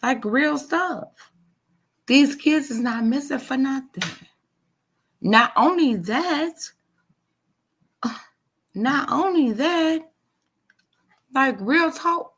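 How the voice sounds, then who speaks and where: A woman's voice: sits high, lively intonation, drawn-out words, pauses often, fairly bright tone. A woman in her forties hosting a casual live chat, talking straight to her supporters in an emphatic, repetitive way. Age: 40s. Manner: emphatic and repetitive, addressing viewers directly. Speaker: livestream host.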